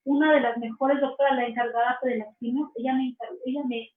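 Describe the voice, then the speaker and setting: A woman telling her faith testimony in an interview, earnest and slow, often restarting her phrases. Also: fairly high pitch, steady tone. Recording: echoey, distant, phone-like sound.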